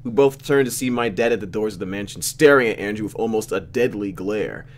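A let's play host with a low-ish, brisk voice reads a visual novel aloud. His narration is casual, sprinkled with slangy, mock-exasperated asides as he comments on the game.

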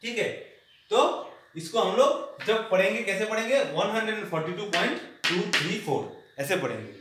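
A man's voice: high voice, animated, a little fast, fairly bright tone, slight background noise. A man teaching a maths class, explaining step by step and checking often whether the students have understood. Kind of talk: classroom lesson. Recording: echoey room, far from the mic.

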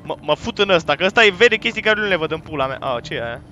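A man giving loud, profane let's play commentary on a horror game, talking to his viewers and yelping at scares. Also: fairly high pitch, animated, a little hiss or hum. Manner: jumpy, profane, loud outbursts; talks to viewers while playing. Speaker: gaming YouTuber.

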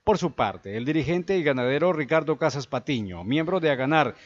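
A man's voice: on the high side, expressive, fairly quick, highs cut off. A man reading scripted news narration as a reporter.

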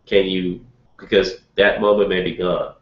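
Low-voiced man giving career advice. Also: steady tone, moderate pace. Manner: conversational, explains with quotes and examples. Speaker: career advisor. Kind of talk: advice interview. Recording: roomy, dull lo-fi sound.

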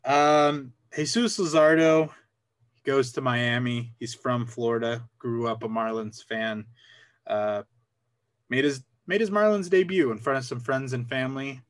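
Young male co-host, wry, deadpan jokes, mid-pitched, easygoing chat. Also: measured pace. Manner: wry, joking, repeats phrases for effect. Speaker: podcast co-host. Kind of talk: casual sports chat.

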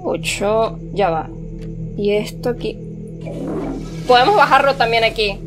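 A young woman narrates a horror game in a fairly high voice, drawing out her words slowly. She jokes with her viewers and breaks into startled shrieks. Faint music plays behind her. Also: lively intonation. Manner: nervous, jokey, talks to viewers, sudden shrieks. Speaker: gameplay streamer.

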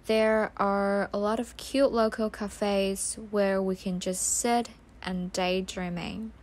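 A young woman vlogger narrates a reflective voice-over in a soft, slow, unhurried way, with non-native phrasing. Her mid-range voice stays steady. It's recorded on a studio voice-over mic with a music bed underneath.

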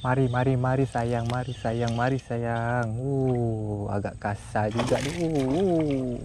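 A man's voice: mid-range voice, fairly even intonation, slow. Man muttering while fishing outdoors. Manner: quiet, muttering to himself, coaxing the fish. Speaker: angler vlogger. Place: outdoors on a mangrove riverbank. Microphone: head-mounted action camera. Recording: noisy outdoor action-camera audio. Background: outdoor nature ambience.

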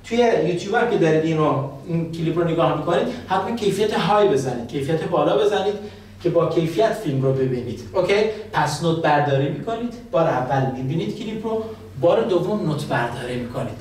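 A man teaching English, explaining in Persian and slowly repeating English phrases for students to copy. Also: fairly high pitch, lively intonation, darkish tone. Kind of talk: language lesson, explaining and drilling phrases. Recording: very echoey room, voice from a distance.

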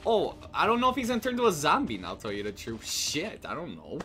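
A man's voice: on the high side, huge pitch swings, a little fast, pushed and bright. Jokey man commentating a game. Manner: jokey, laughs often, swears casually. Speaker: let's play gamer. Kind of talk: casual gameplay commentary.

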